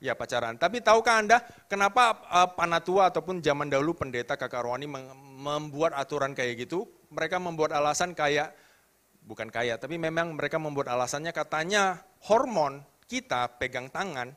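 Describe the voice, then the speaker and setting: A man in his thirties preaching to a youth congregation, animated, asking the crowd questions. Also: on the high side, a little fast. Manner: animated, rising to loud emphatic questions, drops to soft tender tones. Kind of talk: sermon to youth.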